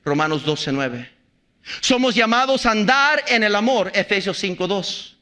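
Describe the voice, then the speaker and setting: A man, a pastor preaching an impassioned sermon, hammering rhetorical questions and at times shouting. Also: high voice, expressive, a little slow.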